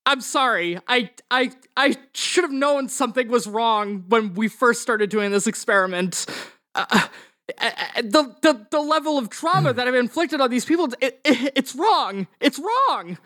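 A man's voice: extremely high pitch, expressive, normal speed, pushed and bright, pitched above the performer's own voice, heavily acted. A man voicing a frightened, remorseful woman scientist who stammers as she pleads.

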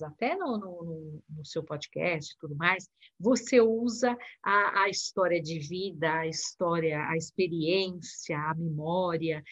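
Brief: woman teacher, husky voice, storyteller, dry muffled remote audio. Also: fairly low pitch, no room sound. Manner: storytelling, acts out classroom chatter. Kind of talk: casual conversation.

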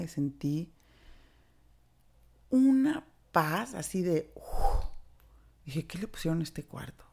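Mexican woman, storyteller; candid, slangy, warm dark tone, voices the dialogue. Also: low-pitched. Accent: Mexican Spanish. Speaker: storyteller sharing a personal recovery story. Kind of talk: casual spoken storytelling.

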